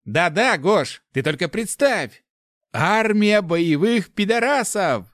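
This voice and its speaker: A man voicing an excitable, cheeky male thief in a storybook reading. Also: on the high side, moderate pace, no echo, clean studio sound, voice pushed up. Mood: excited.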